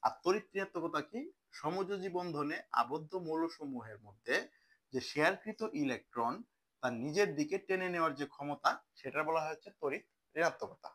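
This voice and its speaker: Fairly high-pitched and a bit bright, a young man's voice moves at a fairly quick pace with lively intonation. He's a chemistry tutor keeping the lesson casual and conversational, regularly asking something and supplying the answer himself.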